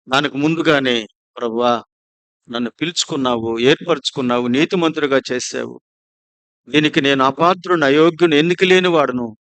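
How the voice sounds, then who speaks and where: A man's voice: a little high, fairly bright tone, clean tone, no echo. A pastor with a Telugu accent preaching to his congregation, asking them many rhetorical questions. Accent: Telugu, Andhra Pradesh. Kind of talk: sermon. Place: prayer house.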